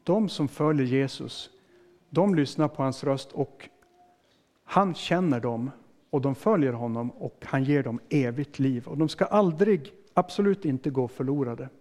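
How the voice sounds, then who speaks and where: A man's voice: mid-range voice, darkish tone. A man preaching a sermon as a pastor, explaining in plain words and putting questions to his listeners. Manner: casual fillers and restarts.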